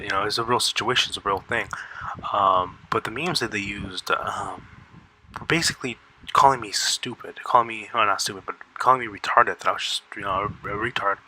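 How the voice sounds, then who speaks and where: A man rambling through casual commentary at a close mic, halting with many fillers and restarts. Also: on the low side, bright, forceful tone, slight background noise, rough recording. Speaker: YouTuber. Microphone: close desk mic.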